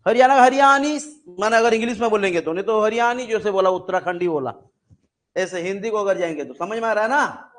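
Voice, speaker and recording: A male English grammar teacher giving a coaching class lecture, listing examples slowly one by one and checking in with frequent "haan" asides. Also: high-pitched, fairly bright tone.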